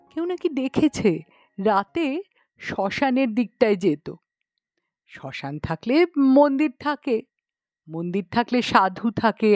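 In a dry recording, a woman with a fairly high but darkish voice narrates an audiobook. Her storytelling is dramatic and expressive, with the dialogue acted out.

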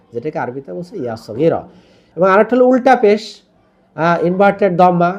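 Guy from bangladesh teaching quran reading, kinda high voice, stretches out the vowels when he shows how to say stuff, slightly dull audio. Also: darkish tone. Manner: explains patiently, demonstrates Arabic pronunciation by drawing out vowels; mixes English words into explanation. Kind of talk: tajweed lesson explanation.

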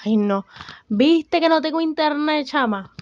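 A woman's voice: high-pitched, lively intonation, a little slow, no echo. Woman as Yajaira, a grumbling, fed-up Venezuelan. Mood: sassy. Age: young adult. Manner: exasperated, complaining, sharp-tongued. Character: fed-up young woman, grumbling, short-tempered. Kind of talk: comedic student film acting. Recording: dull, dry, lo-fi.

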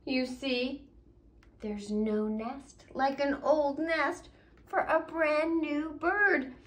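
A woman voicing a calm, content mother bird in a children's storybook. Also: high-pitched, very slow. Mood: gentle.

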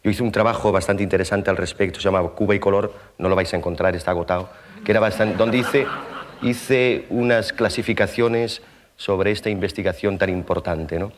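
A man with a somewhat low voice tells a long comic story from a theater stage. He talks to the audience in a loose, conversational way, often tagging his sentences with questions. He breaks into mouth sound effects as he goes. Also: steady tone, fairly quick. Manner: conversational, with frequent tag questions. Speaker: stand-up comedian.

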